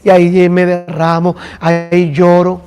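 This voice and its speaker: A man's voice: high voice, monotone, measured pace, long reverb tail. A man, a pastor teaching a church class and talking directly to listeners by name. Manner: addresses listeners by name, conversational.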